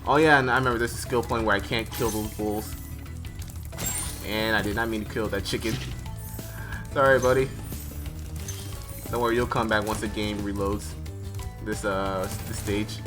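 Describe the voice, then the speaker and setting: A young gaming streamer talks casually over game music during a let's-play, rambling, chatty and often correcting himself. His voice is fairly low and steady, at a normal speed, with long pauses.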